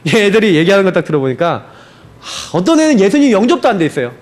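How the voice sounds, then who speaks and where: A man's voice: sits high, sing-song, quick pace. A young man preaching a sermon as pastor, emphatic and insistent, often repeating his point.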